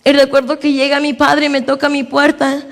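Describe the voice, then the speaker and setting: A young woman giving a personal religious testimony, speaking slowly and haltingly with many repeated openings. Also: sits high, monotone, fairly bright tone, long reverb tail. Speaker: church member giving testimony.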